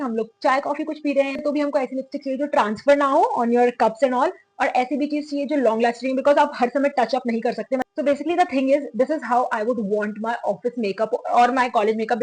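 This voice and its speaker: A woman's voice: a little high, darkish tone, low-quality recording. A young woman with an Indian accent chatting through a makeup tutorial, switching freely between Hindi and English. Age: young adult. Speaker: makeup vlogger.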